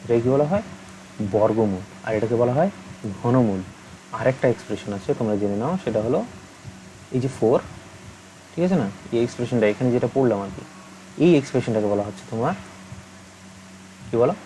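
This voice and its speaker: A young man gives a recorded maths lesson in a soft, mellow voice. He explains patiently and keeps asking whether the listener has understood. A faint noise runs under the recording. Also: mid-range voice, animated, brisk, pauses often, low-quality recording. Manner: patient, asks many check-in questions. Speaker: maths teacher.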